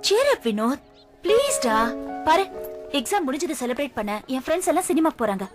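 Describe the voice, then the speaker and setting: On a film soundtrack under loud music, a young actress plays a cheerful, headstrong college student who talks in a chatty, coaxing way. Her voice sits high and is very animated and brisk.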